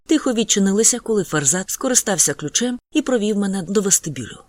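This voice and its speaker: An audiobook narrator reading first-person literary prose at a middle pitch. The delivery is even and descriptive, and the recording is dry and close. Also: no room sound.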